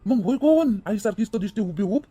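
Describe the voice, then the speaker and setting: A man's voice: high-pitched, expressive, fairly quick, mellow, husky, no room sound. A man playing a worried old village grandfather who fusses and asks question after question. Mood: alarmed. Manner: fussing, questioning, easily alarmed. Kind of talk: village comedy sketch acting.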